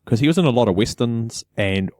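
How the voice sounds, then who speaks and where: A man's voice: medium pitch, animated, brisk, darkish tone, no echo, clean studio sound. A man co-hosting a podcast, prompting and teasing his friend in casual chat. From New Zealand. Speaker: podcast co-host.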